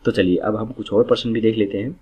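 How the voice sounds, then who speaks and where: Husky low-voiced man teaching memory tricks. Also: fairly even intonation, quick pace, lo-fi sound. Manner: repeats and drills key words. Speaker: exam-prep teacher.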